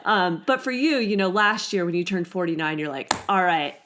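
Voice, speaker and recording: A woman in her forties co-hosting a podcast, talking in an animated, casual way. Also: on the low side, moderate pace, noisy background. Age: 40s. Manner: animated, often tags "right?". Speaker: podcast co-host. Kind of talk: casual chat.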